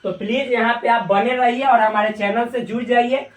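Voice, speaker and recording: A man's voice: very high voice, fairly even intonation, far from the mic. A male maths teacher gives a casual, joking lesson, stretching and repeating his words. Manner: joking, colloquial, drawn-out repetitions. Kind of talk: casual classroom lecture. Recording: echoey room, voice from afar.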